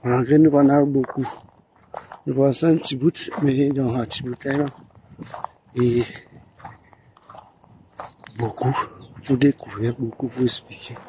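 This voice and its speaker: A man narrating a casual walking tour outdoors on a phone, talking in slow, halting bits with many pauses. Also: medium pitch, steady tone, highs cut off, background noise. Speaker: vlogger giving a walking tour. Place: outdoors on a seaside road. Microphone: handheld phone camera, speaker off screen.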